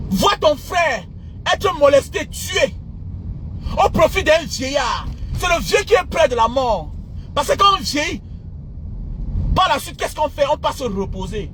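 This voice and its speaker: A man giving an impassioned monologue, fiery and preachy, often shouting slogans. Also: extremely high pitch, slight background noise. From Cameroon. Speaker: commentator.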